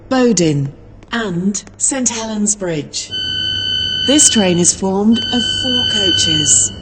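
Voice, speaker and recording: A woman voicing a slow train station announcer. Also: mid-range voice, slightly rough, in a large hall, heavily acted. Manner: measured, evenly paced reading of stops.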